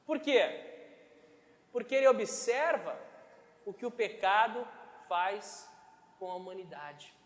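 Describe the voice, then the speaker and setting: This pastor, a man with a fairly high voice, is animated yet slow, pausing often as he delivers a conversational sermon and checks in with his listeners. A long reverb follows his phrases in the roomy, echoey church hall recording.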